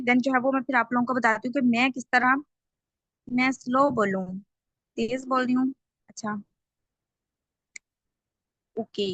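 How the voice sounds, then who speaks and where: A woman leads a sales team training over a video call, laying things out step by step. Her voice sits a little high, and the sound is dry and close. She keeps checking in with her listeners as she goes. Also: fairly bright tone, no echo. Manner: explains step by step, checks in with the group often.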